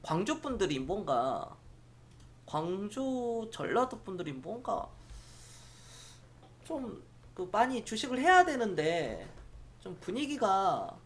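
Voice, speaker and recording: Chatty streamer with a lively, swooping voice. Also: male voice, high-pitched. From Jeolla province, South Korea. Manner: rambling, chatty, answers viewer comments aloud. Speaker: stock-market live streamer. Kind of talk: casual live-stream chat with viewers.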